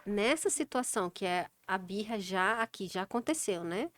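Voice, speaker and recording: Speaking at normal speed in a medium-pitched, animated, slightly bright voice, a Brazilian-accented child sleep specialist gives practical advice in a relaxed interview, playing out daily moments with kids. The recording is dry.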